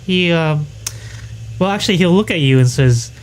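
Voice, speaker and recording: A man's voice: fairly high pitch, lively intonation, moderate pace. Hesitant man running a tabletop game. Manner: hesitant, many fillers. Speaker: game master.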